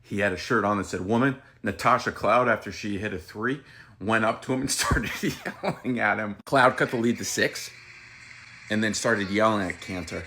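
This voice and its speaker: A man's voice: on the low side, normal speed, bright, forceful tone. A man narrating commentary in a wry, amused tone.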